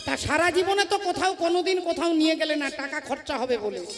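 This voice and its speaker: A woman's voice: high voice, brisk, music in the background, close to an everyday voice. A woman doing a nagging old wife. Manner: complaining, scolding.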